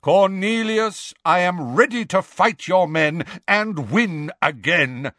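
A man reading an audiobook voices a wise old male headmaster, calm and measured, sometimes thunderous. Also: medium pitch, no room sound, studio quality.

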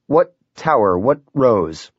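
A man's voice: mid-range voice, big pitch swings, slow, husky, dry recording, lo-fi sound, pitched above the performer's own voice, heavily acted. A man voicing a frightened, defensive man under interrogation, pleading in a tense, strained way. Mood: nervous.

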